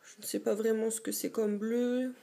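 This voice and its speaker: A woman's voice: on the high side, little pitch movement, moderate pace, vocal fry, mellow. A young woman chatting casually about her own collection in a dim bedroom, hesitant and full of fillers. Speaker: beauty vlogger. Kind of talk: casual show-and-tell.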